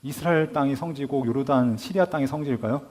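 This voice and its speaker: A man teaching a Bible school class, asking his listeners rhetorical questions and acting out lively quoted dialogue. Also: medium pitch, fast. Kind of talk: lecture to a class.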